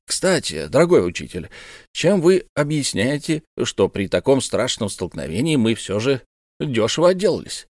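A man's voice: mid-range voice, big pitch swings, moderate pace, dry recording, clean studio sound. A man voicing a courteous male army captain who speaks in a polite, conversational way in an audiobook.

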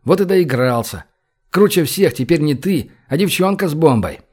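A man's voice: on the high side, lively intonation, normal speed, a little mellow, husky. A man reading an audiobook, voicing a cunning young male gang leader who fakes helplessness in a mournful, hesitant way. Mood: sly. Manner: sly, mock-mournful, hesitant.

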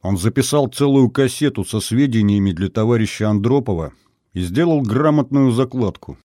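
A man reading an audiobook, voicing a gruff, guarded middle-aged male colonel who speaks in a matter-of-fact way. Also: medium pitch, expressive, moderate pace, dark tone, no echo, clean studio sound, close to an everyday voice.

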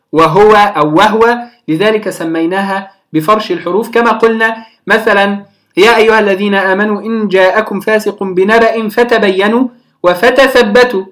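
A teacher explains recitation rules in a classroom lecture. The delivery is hesitant and full of drawn-out filler sounds, and the teacher keeps checking that the class follows. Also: medium pitch, fairly bright tone. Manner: often checks if listeners understand.

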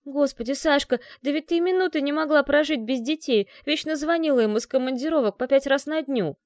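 A woman's voice: high voice, a little fast, darkish tone, no echo, clean studio sound, pitched above the performer's own voice, lightly acted. A woman voicing an indignant young woman who pleads with and scolds her friend. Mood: pleading. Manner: pleading, outraged.

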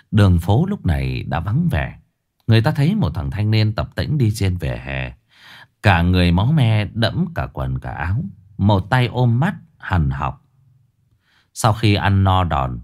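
A man narrating a comic ghost story in a lively, expressive way. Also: low-pitched.

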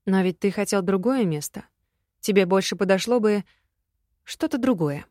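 A woman reading the lines of a young female student heroine, soft and earnest. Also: medium pitch, animated, a little fast, dry recording, studio quality, close to an everyday voice.

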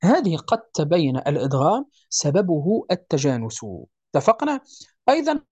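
A teacher giving a step-by-step recitation lesson, explaining patiently, checking often that the class follows, and slowing down to recite each example. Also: medium pitch, big pitch swings, a little mellow, slightly rough, no echo. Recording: dull lo-fi recording, dry.

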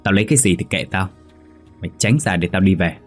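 A man's voice: low voice, quick pace, husky, soft background music. A man voicing a violent, greedy grown son who threatens his family. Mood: menacing.

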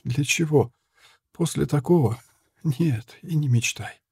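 A man's voice: fairly high pitch, takes it slowly, a little mellow, slightly rough, dry recording, studio quality, pitched above the performer's own voice, exaggerated voice. A man reading the part of a dying young woman crossbow fighter, speaking weakly in a faint, breathless half-whisper. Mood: weak pained. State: gravely wounded, weak.

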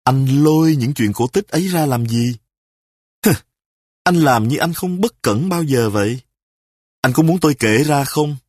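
Man doing a bickering young wife, husky voice, defensive then sharp retorts, spoken story. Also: mid-range voice, expressive, no room sound, studio quality. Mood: indignant. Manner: pleading, then snapping back in quick retorts.

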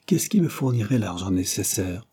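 A man's voice: lowish voice, very animated, normal speed, warm tone, slightly rough. A male narrator voicing a petulant young man who pleads and sulks in an audiobook. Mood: petulant pleading. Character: sulky restless young man student. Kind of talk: audiobook character reading.

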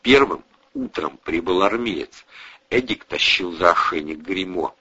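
A man reading a crime novel aloud as an audiobook, expressive and voicing every character, on a dull lo-fi recording. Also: low voice, unhurried, husky. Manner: expressive, voices all characters. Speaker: audiobook reader. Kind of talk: audiobook narration.

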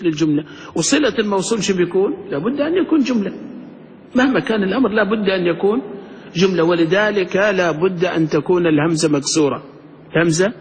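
A man's voice: sits high, big-room sound. A man teaching grammar in a classroom lecture, asking students questions and answering them himself.

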